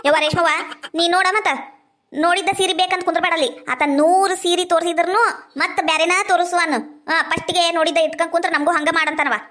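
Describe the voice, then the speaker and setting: A woman's voice: very high-pitched, steady tone, fast talker, a bit bright. A woman with a North Karnataka Kannada accent playing a chatty village neighbour in a comedy sketch. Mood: advising.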